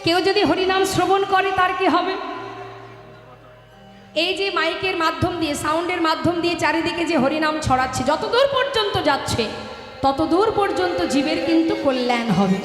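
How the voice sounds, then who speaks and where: High-voiced fervent woman preaching in an echoey hall. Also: moderate pace. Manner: fervent, addresses listeners as mother, rhetorical questions. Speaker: kirtan singer and preacher. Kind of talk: devotional sermon between kirtan songs. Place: live stage with loudspeaker system. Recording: echoey live hall with music.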